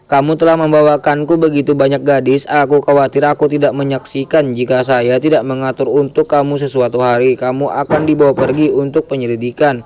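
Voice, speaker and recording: A man's voice: mid-range voice, level tone, fairly quick, darkish tone, natural voice. A man reading the lines of a cruel, scheming woman gang boss, mocking and cold. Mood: scornful.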